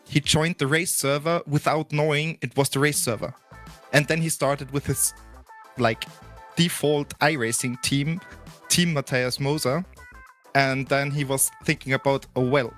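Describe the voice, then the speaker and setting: A man's voice: fairly high pitch, fairly bright tone. A man calling in over a group voice chat as a friend of a racing driver, chatting casually and laughing as he tells a story. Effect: heard over a group voice chat. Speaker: friend of a sim racing driver, call-in guest.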